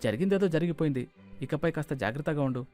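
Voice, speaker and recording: A man's voice: fairly high pitch, animated, rapid-fire, warm tone, faint music behind, natural voice. A man voicing a mild young husband in a cartoon story, placating and evasive.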